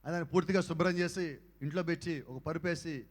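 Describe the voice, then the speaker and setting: A man preaching a youth sermon, firing rhetorical questions at the crowd and swinging between soft asides and loud exhortation. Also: on the high side, fairly quick. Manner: fires rhetorical questions at the audience. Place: youth camp meeting hall. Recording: echoey hall with long reverb.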